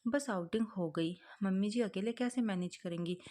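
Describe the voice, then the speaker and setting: A woman's voice: medium pitch, moderate pace, mellow, close to an everyday voice. Woman voicing young new bride, dutiful, polite, earnest, storybook. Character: young newly married bride, dutiful and eager.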